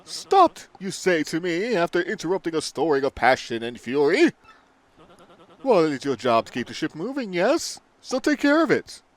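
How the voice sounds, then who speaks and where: A vain, grandiose merchant adventurer out of a video game, acted by a man. The theatrical voice sits fairly high and swoops dramatically, with boastful flourishes and an easily flustered temper. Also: sing-song, normal speed. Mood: indignant. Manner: grandiose, theatrical, stammers when frightened.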